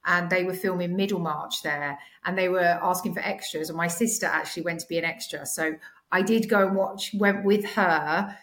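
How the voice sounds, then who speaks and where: A woman in her forties with a slightly croaky, sore-throated voice, chatting casually and a little hesitantly as a podcast guest. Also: fairly low pitch, fairly even intonation, moderate pace, a bit bright. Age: 40s. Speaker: podcast guest, finance executive. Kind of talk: casual interview chat. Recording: echoey home recording.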